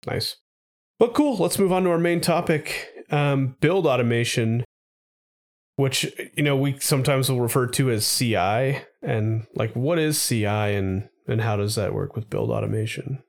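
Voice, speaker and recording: A man's voice: medium pitch, moderate pace. A man co-hosting a casual tech podcast, sounding a little congested, informal and often asking questions. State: slightly congested from a cold-like illness. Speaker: podcast co-host.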